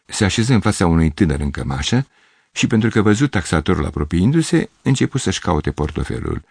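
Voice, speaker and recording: A man narrates a literary story in a measured, steady reading. His voice is deep and husky. The sound is dry and close. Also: no echo.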